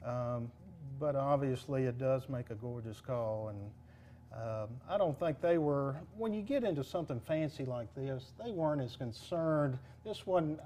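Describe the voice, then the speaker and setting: A man talking casually as a collector explaining his collection, with halting speech that pauses mid-thought. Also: mid-range voice, expressive, warm tone. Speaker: duck call collector being interviewed. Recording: clear background noise.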